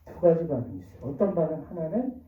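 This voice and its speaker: A preacher giving a lively children's sermon in church, often asking the listeners questions and swinging between loud and soft. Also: mid-range voice, fast. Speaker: preacher to a children's Sunday school. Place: church hall. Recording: distant, dull, echoey church recording.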